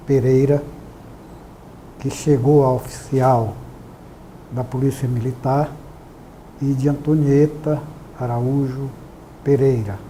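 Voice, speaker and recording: Guy in his 60s, formal testimony, dark warm voice, faint noise behind. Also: mid-range voice, rough recording. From Bahia, Brazil. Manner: measured, deliberate recounting of past events. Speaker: witness giving testimony.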